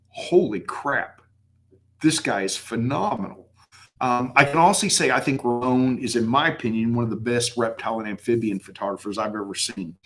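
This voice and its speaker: West Texas man with a slurry twang. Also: mid-range voice. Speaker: livestream host and photographer. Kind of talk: casual livestream chat.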